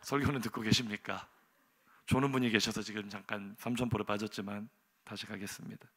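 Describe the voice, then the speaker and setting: A middle-aged man preaching a sermon as a pastor in a church, telling the story with animated energy, sudden loud exclamations and rhetorical questions to the congregation. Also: fairly low pitch, fairly quick, breathy edge. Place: church sanctuary.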